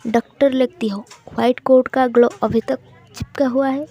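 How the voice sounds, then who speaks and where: A woman voicing a loud, joking young man who teases his friends in playful banter. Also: high-pitched, steady tone, normal speed. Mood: teasing.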